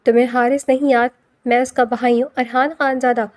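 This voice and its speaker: A woman's voice: sits high, flat delivery, darkish tone, dry recording, clean studio sound, close to an everyday voice. A vengeful proud young man, read by a woman. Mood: threatening. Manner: threatening, cold.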